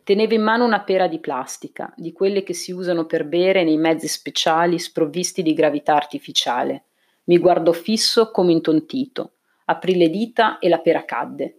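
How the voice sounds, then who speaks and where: A woman reading a first-person science fiction novel aloud in a measured, even storytelling manner. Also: on the low side. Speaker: audiobook narrator. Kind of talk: first-person audiobook narration.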